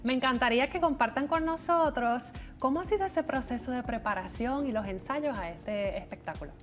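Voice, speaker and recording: A woman's voice: high voice, animated, a little fast, soft background music. A woman, a TV host asking guests questions and affirming their answers. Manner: warm affirming interjections. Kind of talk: TV interview. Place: TV studio set.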